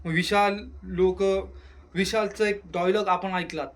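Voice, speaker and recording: Chatty high-voiced man reviewing a show. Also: fairly even intonation, measured pace. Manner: chatty, exclaims, mimics housemates in lowered voice. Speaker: YouTube reality-show reviewer. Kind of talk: casual solo review monologue.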